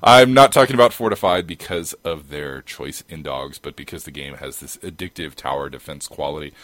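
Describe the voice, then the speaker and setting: A man's voice: a bass voice, fairly quick, fairly bright tone, no echo. A man hosting a casual gaming podcast, playful and digressive, often breaking into laughter. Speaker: podcast host. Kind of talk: casual podcast chat about games.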